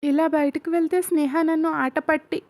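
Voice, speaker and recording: A woman's voice: high-pitched, fairly even intonation, normal speed, no room sound, voice pushed up, natural voice. A woman voicing a young wife in a read-aloud romance story, scolding and flustered. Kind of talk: storybook narration.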